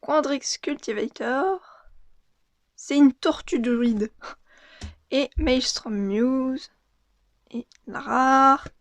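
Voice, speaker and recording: A young woman casually opening and commenting on trading cards, reading them out in a soft, murmured voice that often drops to a half-whisper. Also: sits high, very slow, long pauses, no echo. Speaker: card unboxing vlogger.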